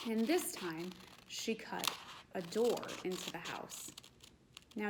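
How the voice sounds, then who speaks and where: A woman children's librarian reading a storytime tale aloud, gently asking the children questions. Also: medium pitch, a little hiss or hum.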